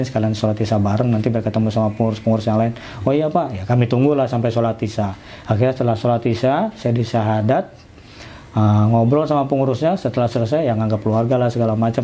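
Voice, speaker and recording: A man's voice: mid-range voice, a little hiss or hum. A man telling his own conversion story in a casual interview, acting out the voices of people he quotes. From Indonesia. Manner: animated retelling with quoted dialogue.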